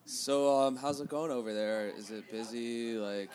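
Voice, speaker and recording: A man making a prank phone call, talking haltingly with lots of ums. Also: mid-range voice, darkish tone. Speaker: prank caller.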